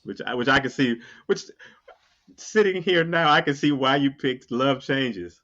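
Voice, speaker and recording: A man's voice: mid-range voice, unhurried, a bit bright, highs cut off. A man co-hosting a podcast in casual chat, musing and opinionated, often repeating his phrases for rhythm. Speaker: podcast co-host.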